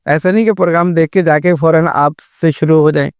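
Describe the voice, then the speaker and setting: A man's voice: a little high, fairly even intonation, clear, resonant tone, no room sound, clean studio sound. A man as a religious scholar guest, patiently explaining good manners with everyday examples. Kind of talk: advice talk in a studio discussion.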